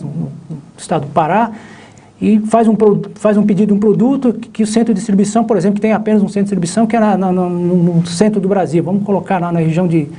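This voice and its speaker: Rambling Brazilian professor, mellow voice. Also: male voice, sits high, slightly rough. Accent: Brazilian Portuguese. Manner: rambling, many restarts and fillers. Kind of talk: live online lecture chat.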